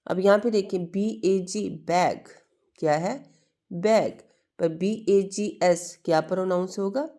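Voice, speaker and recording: Speaking a little slowly in a mellow, medium-pitched voice, a woman teaches students an English lesson. She patiently asks and answers her own questions, switching between Hindi-Urdu and English and addressing the students as "beta".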